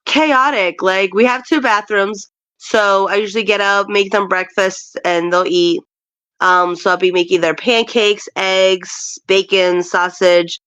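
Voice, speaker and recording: A woman's voice: mid-range voice, fairly even intonation, unhurried, a bit bright, clean tone, no room sound. A woman from Chile, a stepmother of a big household, chatting casually, laughing and rambling as she tells stories. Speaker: guest, stepmother of a large household. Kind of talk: casual chat.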